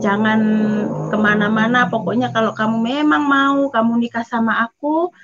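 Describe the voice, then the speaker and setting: A woman voicing a kindly widowed male truck driver who speaks in a gentle, reassuring way. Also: fairly high pitch, steady tone, moderate pace, soft background music, natural voice. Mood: coaxing. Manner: coaxing, reassuring. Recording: dull lo-fi recording.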